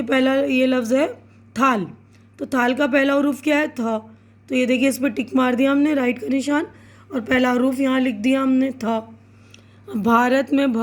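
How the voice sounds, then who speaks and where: A woman with a high voice teaches slowly and patiently, spelling every word out letter by letter. She keeps checking in with short confirmations as she guides young pupils through a workbook page. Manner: checks in with "theek hai" often. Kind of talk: step-by-step writing lesson.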